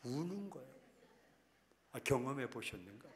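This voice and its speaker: A man's voice: mid-range voice, very animated, normal speed. A male pastor preaching in a casual, teasing way to his congregation, now and then breaking into impassioned acted prayers. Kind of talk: sermon. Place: large prayer hall. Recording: long hall reverb.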